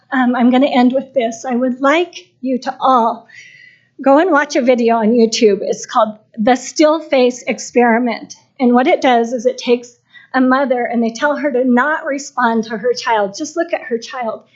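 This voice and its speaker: A woman's voice: high-pitched, steady tone, moderate pace. An older woman giving an impassioned, pleading public comment at a school board meeting. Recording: dull lo-fi livestream audio.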